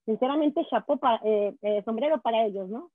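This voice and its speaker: A Mexican woman, a guest speaking on immigration, talking in a chatty, quick way over a call. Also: fairly high pitch, no room sound. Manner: fast, chatty, restarts words. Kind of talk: casual chat. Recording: tinny dry phone line.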